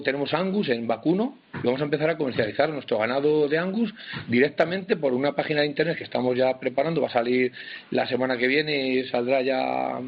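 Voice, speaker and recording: A man's voice: mid-range voice, husky. A man who farms sheep and cattle, talking plainly and hesitantly in a radio interview, often restarting his sentences. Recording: dull lo-fi phone line.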